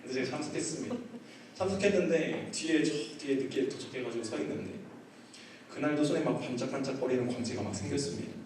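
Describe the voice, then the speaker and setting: A man, a pastor, telling his own story in a sermon, acting out his shouting and then his hushed prayers. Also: mid-range voice, quick pace, slight background noise. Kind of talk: sermon testimony. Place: church hall. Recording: echoey hall, far from the mic.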